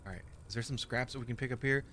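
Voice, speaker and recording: A young man hosting a gaming video, talking casually and excitably as he plays and reacts. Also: mid-range voice, racing, slight background noise. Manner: excitable, jokey, exclaims often. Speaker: gaming channel host. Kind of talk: let's play commentary.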